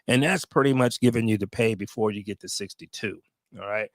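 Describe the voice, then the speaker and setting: A veteran vlogger in his late fifties chats casually to camera, rambling to his viewers with many fillers and restarts. His voice is on the low side and brisk, recorded dry.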